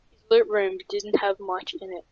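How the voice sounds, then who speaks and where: Slightly husky woman reading horror. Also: mid-range voice, little pitch movement, moderate pace. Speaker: narrator. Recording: dull lo-fi.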